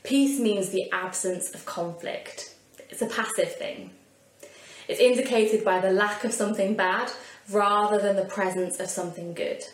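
A woman's voice: medium pitch, steady tone, moderate pace. A woman with a Yorkshire accent preaching a sermon in an earnest, conversational way with light asides. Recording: roomy echo.

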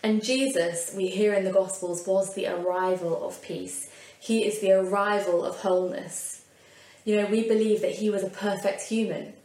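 A woman with a Yorkshire accent preaches a sermon in a mid-pitched voice. She talks in an earnest, conversational way and drops in light asides. Her voice rings in a roomy, echoing space. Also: fairly even intonation, normal speed, a little mellow. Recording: roomy echo.

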